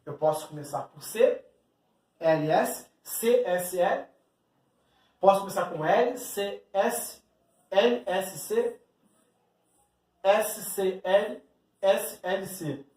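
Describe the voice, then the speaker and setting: A man's voice: high-pitched, extremely slow, pauses often, darkish tone, reverberant, distant mic. A man with a Brazilian Portuguese accent teaching an exam-prep math lesson, explaining step by step and talking straight to the student. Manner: explanatory, addresses the student directly, acts out student questions.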